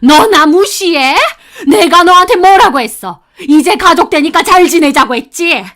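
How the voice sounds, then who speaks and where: A woman's voice: extremely high pitch, expressive, very slow, full character voice. A woman voicing a domineering older mother-in-law in a dramatized story reading, scolding and contemptuous. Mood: furious. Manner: scolding, contemptuous, shouting insults. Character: harsh, domineering older mother-in-law who berates and curses.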